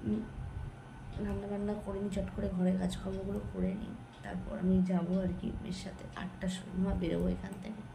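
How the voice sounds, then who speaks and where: A sleepy woman speaks in a hushed, unhurried voice with a gravelly, fry-laden edge. She is vlogging into her phone at home at dawn. A steady hiss of noise sits clearly under her voice. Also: medium pitch. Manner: speaks softly and slowly so as not to wake her family. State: sleepy and tired. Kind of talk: casual chat to camera. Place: home, indoors, early morning.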